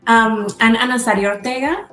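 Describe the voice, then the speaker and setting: A woman's voice: fairly high pitch, brisk, fairly bright tone, faint music behind, rough recording. Matter-of-fact woman co-director. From Panama. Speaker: company co-director. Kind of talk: business interview.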